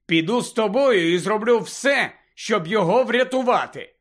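A man's voice: high voice, lively intonation, normal speed, pitched above the performer's own voice. A man reading the part of an anxious, insistent teenage girl who hisses and pleads in a storybook. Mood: pleading. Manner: hissing, pleading.

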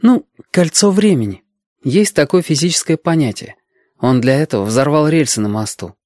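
A man's voice: fairly high pitch, lively intonation, moderate pace, darkish tone, no echo, clean studio sound, voice pushed up, close to an everyday voice. A man reading a story aloud and voicing an eager sixth-grade boy who patiently explains things to a girl. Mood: eager, explaining.

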